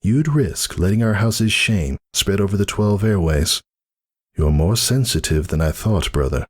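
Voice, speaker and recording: A man reading dramatic fan fiction takes on the role of a tired yet defiant pegasus mother, delivering her lines earnestly. His naturally low voice is pushed up, expressive, and a little slow.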